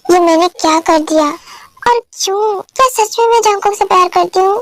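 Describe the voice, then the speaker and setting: A woman's voice: very high-pitched, normal speed, dry recording. A woman voicing a flustered, stubborn young woman in love, talking in a pleading, self-questioning way in an amateur dubbed romance drama. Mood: anxious.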